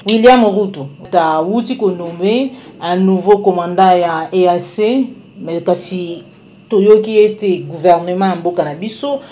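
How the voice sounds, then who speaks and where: Lady hosting, low warm voice, quick questions to the guest. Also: slight background noise. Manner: switches between French and Lingala, brisk questioning. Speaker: host. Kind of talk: news talk show hosting.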